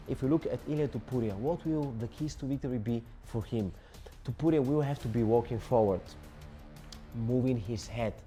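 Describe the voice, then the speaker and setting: A Bulgarian combat sports journalist in his twenties, speaking English as a second language, analyzes a fight solo to camera in a mellow, medium-pitched voice, emphatically repeating lists of tactics.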